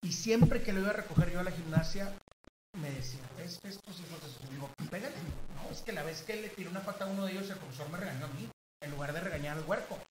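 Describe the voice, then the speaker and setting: A man with a Mexican accent telling a story in a casual chat, animated and acting out the voices of the people he quotes. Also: a little high, rapid-fire. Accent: Mexican Spanish. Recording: echoey room with background noise.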